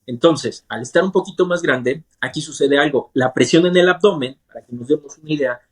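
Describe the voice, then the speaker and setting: A man's voice: on the high side, brisk, husky. A man, a gastrointestinal surgeon, explains medical ideas in plain terms as an interview guest. He speaks in a patient, teacherly way and often checks that he is understood.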